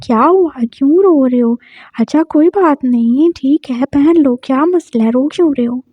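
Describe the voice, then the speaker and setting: A woman's voice: high voice, normal speed, dry recording, highs cut off, close to an everyday voice. A woman voicing a teasing, protective young man. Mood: soothing. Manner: teasing, then gently soothing.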